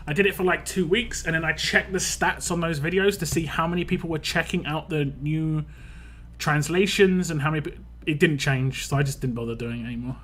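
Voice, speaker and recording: A young man with a West London accent chats casually while streaming a game, rambling quickly with lots of restarts and fillers. His voice sits fairly high, with a steady, slightly bright tone. Faint music plays in the background.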